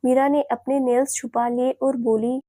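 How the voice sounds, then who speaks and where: A woman narrating a romantic audio story, reading all the parts herself in one steady voice. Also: sits high, normal speed, no room sound.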